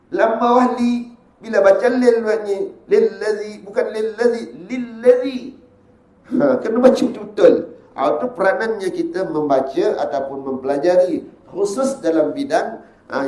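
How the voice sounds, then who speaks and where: A Malaysian-accented man teaches Quran recitation in a fairly high voice. He stretches each example verse out slowly, then explains it quickly. An echoey room rings around him. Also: mellow. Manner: chants drawn-out verses to demonstrate, then explains briskly. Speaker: religious teacher.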